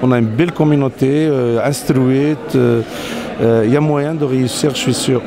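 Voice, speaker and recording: Brief: hesitant Moroccan man in his own words, mid pitch, outdoor crowd behind. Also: fairly even intonation, moderate pace. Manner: hesitant, many fillers and restarts. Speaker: interviewee, company CEO. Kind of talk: casual interview conversation. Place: outdoors in a city.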